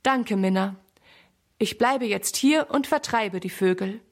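A woman's voice: mid-range voice, unhurried, close to an everyday voice. Woman putting on Sammy, an eager little boy. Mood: earnest. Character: excited little boy Sammy guarding strawberries.

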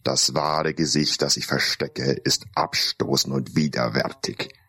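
A man's voice: a bass voice, steady tone, unhurried, breathy edge, no room sound, full character voice. A man voicing a scornful, manipulative talking mask in an audiobook, taunting and threatening. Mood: menacing. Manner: taunting, then dark and threatening. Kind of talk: audiobook character voice.

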